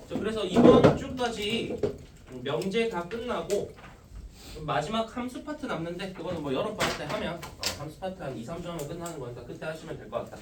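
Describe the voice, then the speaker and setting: A man's voice: on the high side, very noisy. A male math teacher giving a classroom lecture, explaining step by step and opening nearly every phrase with a short "ja". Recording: echoey classroom, mic from a distance.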